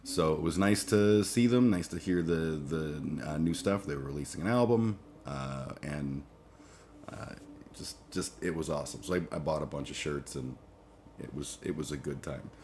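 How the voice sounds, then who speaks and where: A rumbling, low, darkish male voice belongs to a livestream host in his forties, chatting casually while groggy from a late night. His talk is halting and profane, with many fillers and restarts, over slight background noise.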